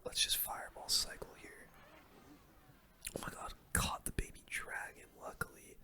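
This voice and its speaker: Whispering softly and breathily without voicing, a gaming host gives casual ASMR commentary close to the mic at a moderate pace, murmuring play-by-play full of gamer slang.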